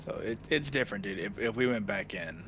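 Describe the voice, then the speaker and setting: A man's voice: on the low side, lively intonation, a little fast, a bit bright, dull audio, faint music behind. Joking man chatting while gaming. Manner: joking, laughs often, swears. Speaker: streamer. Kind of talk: casual gaming chat.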